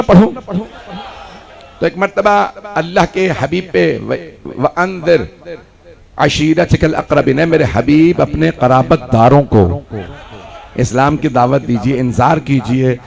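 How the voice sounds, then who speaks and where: A man preaching a sermon to a large gathering, building to shouted climaxes and pleading with the listeners for attention. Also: a little high, creaky. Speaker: Shia cleric giving a majlis sermon. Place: large hall before a crowd.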